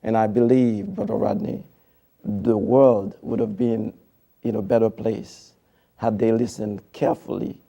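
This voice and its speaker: A man's voice: fairly low pitch, steady tone, measured pace, vocal fry, warm tone. A man from Haiti, a TV producer, speaking as a studio interview guest in a formal, devotional way with hesitant fillers.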